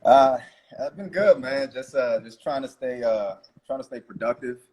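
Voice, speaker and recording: A man from Florida, a guest on a video-call interview, answering in a relaxed way full of pauses and restarts. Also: mid-range voice, slight background noise, low-quality recording. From United States (Florida). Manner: relaxed, hesitant, many fillers and restarts. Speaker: guest, audiobook company founder.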